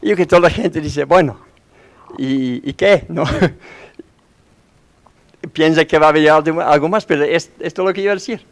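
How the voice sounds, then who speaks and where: Male pastor, slightly high voice, conversational sermon full of rhetorical questions. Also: moderate pace, pauses often. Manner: conversational preaching with frequent rhetorical questions to the congregation; acts out quoted voices in his story.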